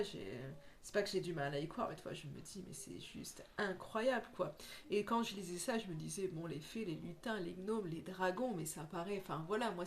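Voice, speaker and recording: A woman's voice: on the low side, slight background noise. A woman who works as a medium, talking in a casual spiritual vlog, rambling earnestly with many restarts. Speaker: medium giving oracle card readings.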